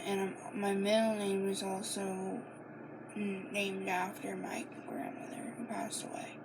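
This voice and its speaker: A young woman from Maine talks slowly through a personal question list, hesitating and restarting as she goes. Her voice sits at an ordinary middle pitch. A clear hiss of background noise runs under the home recording. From Maine, United States. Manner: halting, many fillers and restarts, reading questions aloud. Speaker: vlogger answering questions. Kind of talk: casual Q and A monologue.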